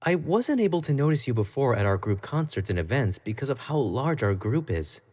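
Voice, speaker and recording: A man plays an obsessive, jealous young pop idol in a dramatic roleplay monologue, speaking intimately to the listener and swinging between sweet pleading and cold condescension. His medium-pitched, slightly mellow voice moves briskly with big pitch swings, and the mood is sweet and smitten.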